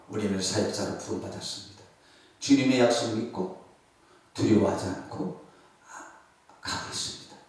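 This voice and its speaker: A man preaching a revival sermon, loud one moment and hushed the next, acting out the voices in his story. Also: fairly low pitch. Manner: swings between loud exclaiming and hushed near-whispers. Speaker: pastor. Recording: very echoey hall from far off.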